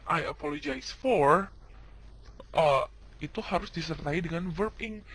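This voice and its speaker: High-voiced man teaching in slang. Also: a bit bright, low-quality recording. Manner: slangy Jakarta-style casual teaching, upbeat. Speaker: English teacher. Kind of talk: casual video lesson.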